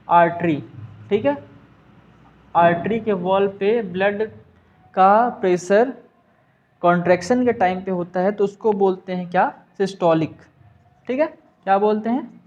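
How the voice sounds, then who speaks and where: A man's voice: sits high, a little mellow, muffled recording. A man teaching a science class, with a Hindi accent, who asks and answers his own questions and mixes in English terms. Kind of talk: class lesson.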